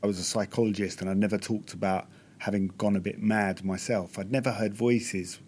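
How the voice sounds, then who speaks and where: A man's voice: fairly low pitch, steady tone, brisk, a little mellow, husky. A man who works as a clinical psychologist, talking thoughtfully and candidly in an interview. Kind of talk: interview, casual reflective talk.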